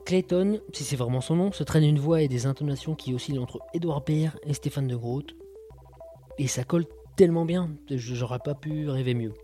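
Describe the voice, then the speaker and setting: A man hosting a podcast, reviewing audio shows with a mellow, relaxed voice. He talks casually and sardonically, full of quips. Faint music plays behind him. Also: fairly high pitch, moderate pace. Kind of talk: casual chat.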